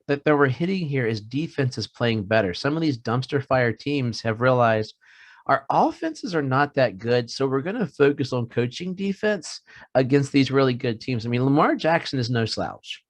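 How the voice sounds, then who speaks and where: A man's voice: medium pitch, no room sound. A middle-aged man co-hosting a fantasy football podcast, chatting casually and joking at his own expense. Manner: rambling, joking, self-mocking. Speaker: podcast co-host. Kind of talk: casual sports chat.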